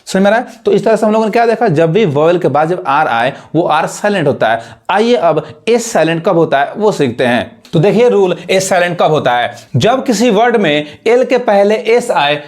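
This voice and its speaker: A male teacher speaks in a fairly high voice. He works through examples one word at a time, saying each word over and then asking whether his learners have understood. His delivery is that of a classroom lesson. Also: sing-song. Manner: repeats example words slowly, asks learners if they follow. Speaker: English teacher.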